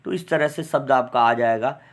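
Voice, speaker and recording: A man teaching grammar, chatty, often adding "है ना" and dictating slowly. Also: mid-range voice. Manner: dictates word forms slowly and deliberately. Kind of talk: online class lecture.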